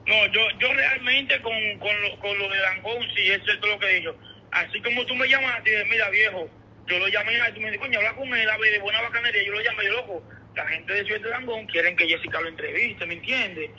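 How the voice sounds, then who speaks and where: On a tinny, muffled speakerphone call, a Dominican man explains himself hesitantly and repeats words in casual conversation. His voice sits high and is fairly quick, bright, forceful and slightly rough.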